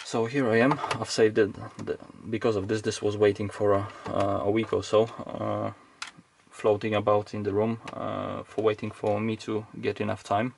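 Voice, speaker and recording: This electronics hobbyist and video creator, likely middle-aged, talks casually through a hands-on teardown indoors at his home workbench, thinking aloud with plenty of hesitation and rambling. He speaks at a normal speed in a low, gravelly, darkish voice with little pitch movement, over faint background noise and clicks.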